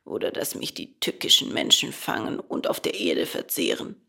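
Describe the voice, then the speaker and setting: Eine Frau spricht einen heiseren alten Delfin. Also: female voice, close to an everyday voice. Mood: resigned calm. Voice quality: hoarse. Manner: calm, unhurried. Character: old male dolphin, calm, resigned, philosophical.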